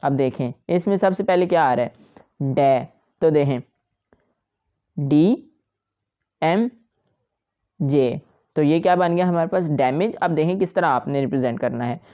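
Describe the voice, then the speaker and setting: A woman's voice: deep voice, a little slow, long pauses, highs cut off. A woman teaching shorthand step by step, patiently repeating each point to her students. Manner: patient, repetitive explaining to students. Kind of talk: step-by-step tutorial.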